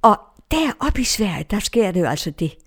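A woman's voice: mid-range voice, very animated. A woman giving a personal faith testimony in an emotional way, her tone swinging widely.

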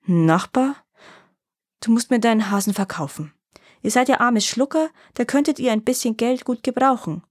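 A woman voicing a vain, greedy rich landowner who is quick to anger and later pleads sweetly. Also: a little high, a little mellow, dry recording, studio quality, voice pushed up, lightly acted. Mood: pleading. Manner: haughty, then honey-sweet and pleading.

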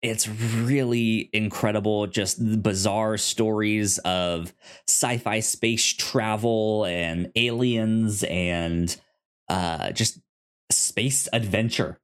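Smooth and fairly low, this man's voice stays fairly even in pitch as he speaks slowly. He co-hosts a film podcast, making relaxed, unscripted recommendations while stammering over the starts of words.

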